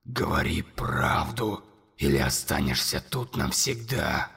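A man voicing a huge, relentless monster in an audiobook, speaking in a low, slow, menacing whisper. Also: very animated, vocal fry, a bit bright, breathy edge, in a large hall, heavily acted.

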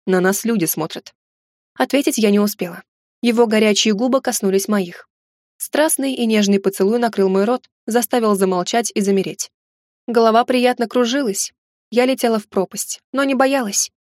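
A young woman giving an expressive, dramatic first-person reading of a romance novel. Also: fairly high pitch, normal speed, no echo, studio quality. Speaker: audiobook narrator. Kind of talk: scripted narration of a romance novel.

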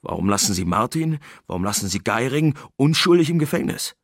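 A man's voice: mid-range voice, very animated, a little fast, dry recording, studio quality. Man doing an indignant, irritated clerk. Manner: sharp, agitated questioning.

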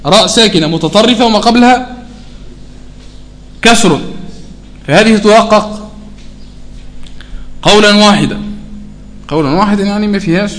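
A man with a high voice teaches a Quran recitation lesson. He explains the rules conversationally, slows right down to chant each example, and keeps asking his students whether it is clear. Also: fairly bright tone. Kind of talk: tajweed lesson.

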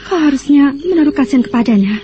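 An actress playing a sensible palace maidservant who keeps the peace, firm and admonishing, in a radio melodrama. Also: female voice, high-pitched, animated, quick pace, dark tone. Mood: pleading, admonishing. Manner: commanding, admonishing. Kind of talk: melodramatic radio drama acting. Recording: muffled radio drama, music behind.

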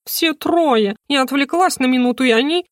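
A woman voicing an excitable small female magical creature with a shrill, rapid way of exclaiming. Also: no room sound, clean studio sound, lightly acted. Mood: panicked.

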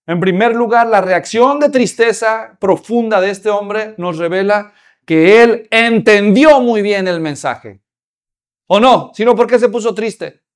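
A man's voice: high voice, unhurried. A man preaching a sermon, often putting rhetorical questions to the congregation.

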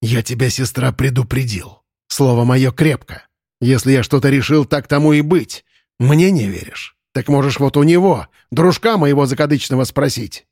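A man's voice: medium pitch, moderate pace, darkish tone, dry recording, studio quality, natural voice. A man voicing a cruel, menacing young village master who threatens and mocks in an audiobook. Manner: threatening, mocking. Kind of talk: audiobook character voice.

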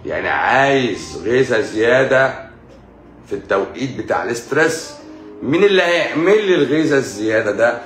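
A man's voice: mid-range voice, animated, a little fast, a bit bright. Egyptian man lecturing in an echoey room. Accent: Egyptian Arabic. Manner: repeats key words as questions. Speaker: doctor. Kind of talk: live-stream medical lecture. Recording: echoey room, faint music.

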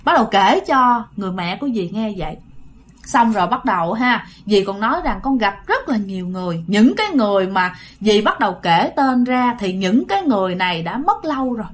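A woman's voice: mid-range voice, sing-song, fairly quick. Chatty woman telling a ghost story. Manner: chatty, addresses listeners directly.

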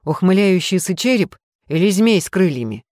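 An audiobook reader voicing a gruff, grumbling police inspector. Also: medium pitch, very animated, moderate pace, darkish tone, no room sound, clean studio sound, natural voice.

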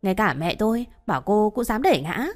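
A woman's voice: medium pitch, sing-song, fairly quick, darkish tone, soft background music, close to an everyday voice. Woman reading a curt, angry young husband. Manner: curt, commanding.

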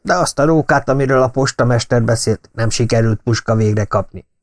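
A man's voice: mid-range voice, close to an everyday voice. A man voicing a cool, self-satisfied young private secretary. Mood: smug.

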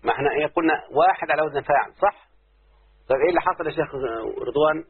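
A man's voice: a little high, racing, breathy edge. A man with an Egyptian Arabic accent teaching a classroom lesson on word forms, constantly quizzing his students with repeated questions. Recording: tinny phone-like lo-fi recording.

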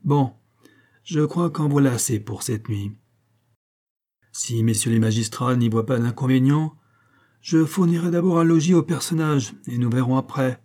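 A man's voice: medium pitch, moderate pace, warm tone, lightly acted. A man voicing a sneering middle-aged police chief who gives orders in a commanding, mocking way.

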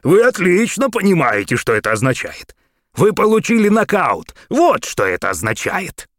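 A man doing a loud, cocky old man. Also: medium pitch, huge pitch swings, unhurried, no echo, clean studio sound, voice pushed up. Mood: triumphant. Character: feisty old man, brash and triumphant.

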